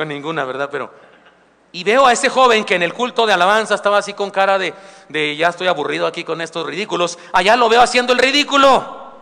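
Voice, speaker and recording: Male pastor, bright voice pitched a bit high, chatty sermon, church with long reverb. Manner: conversational preaching, with asides and humor. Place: church sanctuary. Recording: live church recording with long hall reverb.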